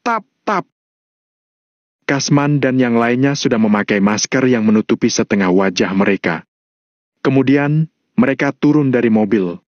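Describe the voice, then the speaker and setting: A man reading a serialized action novel aloud as a narrator, pitching his voice up for dialogue. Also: no echo. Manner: raises pitch sharply for dialogue. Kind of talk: scripted audiobook narration. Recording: dull dry lo-fi sound.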